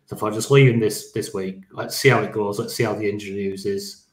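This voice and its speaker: A man's voice: lowish voice, steady tone, fast talker. A man co-hosting a fantasy football podcast, talking in a casual, joking way. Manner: casual, swears, laughs easily. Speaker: podcast co-host. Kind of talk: casual chat. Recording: roomy echo.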